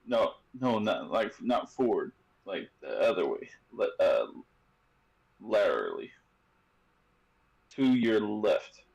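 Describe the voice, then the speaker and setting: A man's voice: lowish voice, very animated, slow pace, gravelly, pauses often, darkish tone, slightly rough, lo-fi sound. A man hosting a sports podcast in loose, joking casual chat, full of fillers and restarts. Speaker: podcast host.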